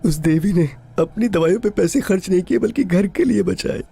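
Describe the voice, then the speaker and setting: A man's voice: lowish voice, expressive, normal speed, dark tone, a little hiss or hum, lightly acted. An actor dubbing an aging, honest policeman and bitter widower, mournful and deferential, his voice breaking with tears. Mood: grieving. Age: older. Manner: mournful, deferential, repeats "sir". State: tearful, voice breaking. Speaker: suspended police officer. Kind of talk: dubbed film dialogue.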